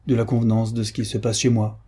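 A man's voice: on the low side, level tone, fast talker, dark tone, slightly rough. A man voicing a young duke who answers curtly and coldly. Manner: curt, cold. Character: young duke, cold and curt.

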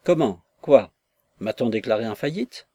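An ailing older mill owner, confused and quick to flare up, as a male narrator reads him. He talks in short, abrupt bursts in an audiobook reading, at a middle pitch. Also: expressive, darkish tone, close to an everyday voice. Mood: agitated.

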